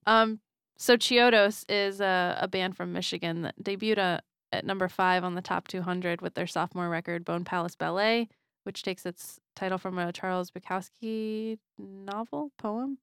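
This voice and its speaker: A young woman publicist chats her way through a band pitch, laughing often. Her voice sits mid-range, very smooth and clear. The recording is close and dry. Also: fairly even intonation, fairly bright tone, no room sound. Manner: chatty, laughing often, brisk pitch patter. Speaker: music publicist. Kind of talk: casual interview, pitching bands.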